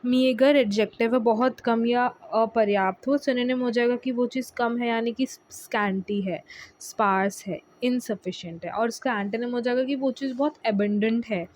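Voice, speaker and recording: A woman's voice: on the high side, moderate pace, a little mellow. A young woman teaching exam vocabulary in a casual lesson, explaining patiently and repeating key words. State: tired.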